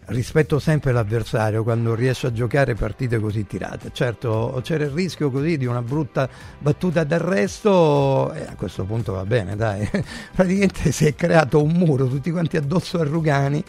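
Rambling male radio host with creaky voice. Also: medium pitch, moderate pace, hardly any pauses, a little mellow, faint music behind. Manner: rambling, repeats words and phrases. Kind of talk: casual live radio chat on music and football. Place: radio studio.

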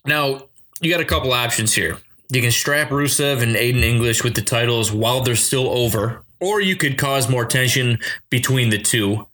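A man's voice: mid-range voice, moderate pace, pushed and bright. A man co-hosting a podcast, teasing his partner and giving playful, confident wrestling picks in casual chat. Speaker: podcast co-host.

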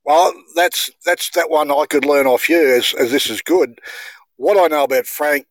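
A man's voice: a little high, normal speed, dry recording, rough recording. A man, a podcast guest telling long, rambling stories in casual chat. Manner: rambling storyteller, says mate.

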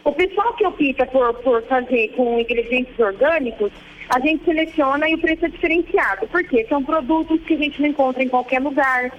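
A woman's voice: high voice, a little fast, slight background noise. A woman on a phone line, politely and patiently explaining things to a caller. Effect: heard over a phone line. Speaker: prank call target. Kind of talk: phone conversation.

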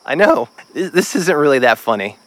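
A rattled young man stammers through his words, as a woman narrator lowers her voice to play him. The delivery is shaky and lively in pitch. The sound is dry and close. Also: normal speed, dry recording. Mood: giddy. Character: shaken young man laughing off a crash. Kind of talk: narrated audio drama.

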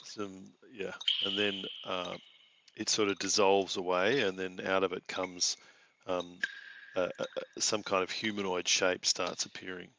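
Narrating as game master for a tabletop game, a man speaks hesitantly in a deep, gravelly voice at a measured pace and level tone. He uses many fillers and restarts, with music playing in a noisy background.

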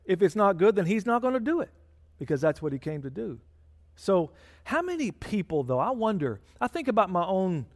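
A man preaching a sermon as pastor, fervent and emphatic, his intensity building as he drives each point home. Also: high voice. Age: adult with a child. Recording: long reverb of a large hall.

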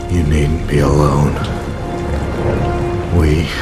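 A man playing Batman, a grim, weary vigilante who speaks earnestly and solemnly in a low, gravelly voice in a superhero audio drama. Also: little pitch movement, very slow, heavily acted. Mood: weary pleading. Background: rain and music.

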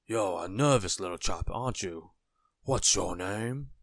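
A man voicing a kindly male tramp in a children's story, talking gently and reassuringly. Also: fairly low pitch, a little slow, no room sound, clean studio sound. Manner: gentle, calm, fatherly advice-giving.

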